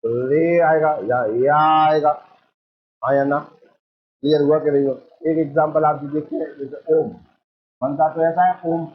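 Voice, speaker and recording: A man teaching a coaching class, quizzing his students again and again as he explains. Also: fairly high pitch. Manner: drills the class with repeated questions. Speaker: Hindi teacher. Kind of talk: exam coaching lecture. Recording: tinny phone-like sound.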